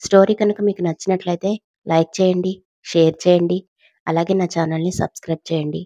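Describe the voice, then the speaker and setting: A woman's voice: lowish voice, level tone, brisk, warm tone, no room sound, muffled recording. A woman narrating a serialized family drama audio story and greeting her channel listeners in a friendly way.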